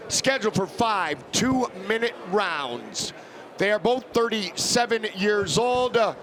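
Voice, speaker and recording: A man hosting live fight coverage as play-by-play commentator, with an emphatic, polished broadcast delivery. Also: high-pitched. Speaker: play-by-play host. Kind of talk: live sports commentary and interviewing. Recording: live broadcast with loud crowd noise.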